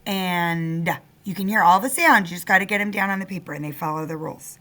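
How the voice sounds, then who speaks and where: A woman's voice: lowish voice, a bit bright. A woman teacher dictating a first-grade spelling test, sounding words out and repeating them with simple instructions for young children. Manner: sounds words out slowly, repeating each one.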